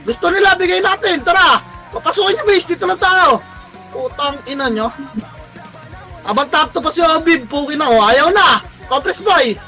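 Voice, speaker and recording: Filipino man, very high pitched voice, barking game commands, music faint behind. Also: animated, pushed and bright. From Philippines. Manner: barking rapid commands, swearing often. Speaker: team shotcaller. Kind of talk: live game commentary and team calls.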